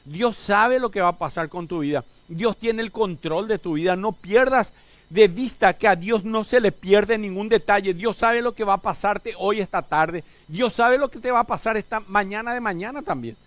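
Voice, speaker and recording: A middle-aged man with a Paraguayan Spanish accent preaching a sermon as pastor, swinging from emphatic rises to soft, low asides. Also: normal speed, no echo.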